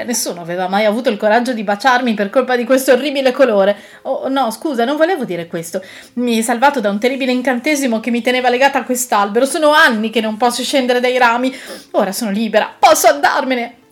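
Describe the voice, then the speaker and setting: A woman voicing a lively young enchanted maiden in a storybook reading, with a bright, breathless, chatty manner. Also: medium pitch, normal speed, few pauses, close to an everyday voice. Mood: overjoyed.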